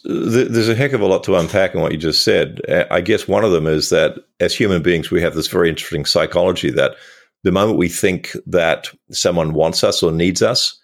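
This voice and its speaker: A male podcast host in a relaxed interview, telling self-mocking stories and laughing often. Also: low-pitched, gravelly. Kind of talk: conversational storytelling.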